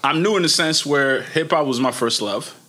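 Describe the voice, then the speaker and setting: A man's voice: a little high, moderate pace, sharp tone. A man from Niger hosting a podcast in an informal, slangy way, chatting with rambling asides. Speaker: podcast host. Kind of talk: casual chat.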